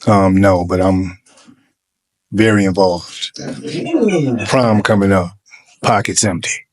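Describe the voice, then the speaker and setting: A man's voice: deep voice, steady tone, takes it slowly. Blunt joking man in his fifties. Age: 50s. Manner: blunt, joking short answers. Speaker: dating show contestant. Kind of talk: casual chat.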